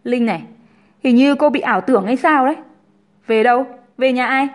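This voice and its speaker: A woman's voice: high voice, brisk, voice pushed up, lightly acted. A woman reading a story aloud, voicing a cold, blunt young man who talks curtly and with scorn. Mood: scornful. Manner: curt, scornful.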